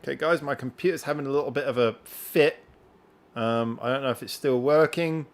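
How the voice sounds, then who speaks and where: A man's voice: medium pitch, brisk. Chatty man hosting a live stream. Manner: rambling and chatty, laughs often. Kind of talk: casual live stream chat.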